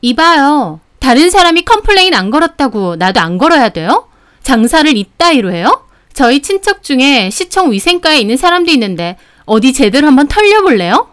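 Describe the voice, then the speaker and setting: A woman voicing a furious, entitled young woman customer who shrieks sharp accusations down the phone. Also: sits high, sing-song, fairly quick, voice pushed up. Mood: shrill, furious.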